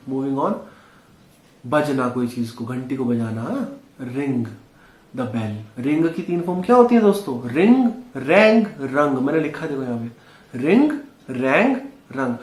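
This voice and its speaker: A man's voice: mid-range voice, a little mellow, echoey room. A man teaching a spoken English lesson, patiently repeating drills and calling his viewers friends.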